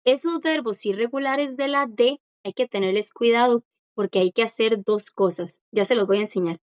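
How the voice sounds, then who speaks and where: A woman with a fairly high voice teaches an online language lesson at a moderate pace, explaining grammar patiently, repeating key points and often checking that students follow. The audio is dry with no echo, and the high frequencies are cut off.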